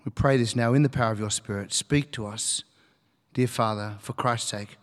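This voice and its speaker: A male preacher leading a prayer and opening his sermon in a deliberate, prayerful manner. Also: mid-range voice, steady tone. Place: church. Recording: long reverb of a church.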